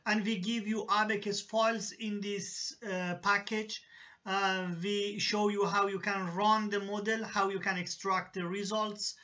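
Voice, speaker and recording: Man, slow halting tutorial, lots of uh and restarts, lo-fi voice-over. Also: high-pitched, sharp tone. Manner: halting, many fillers and restarts. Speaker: engineering software tutor. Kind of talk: screen-recorded software tutorial. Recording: dull lo-fi voice-over.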